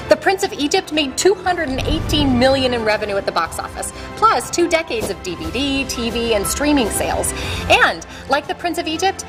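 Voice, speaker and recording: A woman reading an upbeat, salesy promotional voice-over with playful asides. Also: high voice. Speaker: ad narrator. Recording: voice-over with clear music behind. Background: music.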